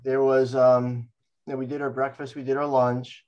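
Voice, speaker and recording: A man's voice: mid-range voice, little pitch movement, moderate pace, a little mellow, muffled recording. An older man telling stories in an oral history interview, rambling with many restarts. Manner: rambling storyteller, frequent restarts.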